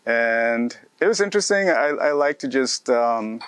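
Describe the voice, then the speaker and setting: A man's voice: medium pitch, lively intonation, moderate pace, fairly bright tone, clean tone. A man from Ecuador in his thirties, a postdoctoral researcher answering interview questions in a friendly way with many fillers and restarts. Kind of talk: casual interview.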